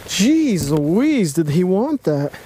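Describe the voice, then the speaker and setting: A young man, chatting excitedly from a bass boat on a lake while he fishes and films himself on an action camera. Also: slow, a little hiss or hum. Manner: excitable, chatty, lots of exclamations. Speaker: fishing vlogger. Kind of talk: casual outdoor chat while fishing. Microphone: action camera mounted on the boat.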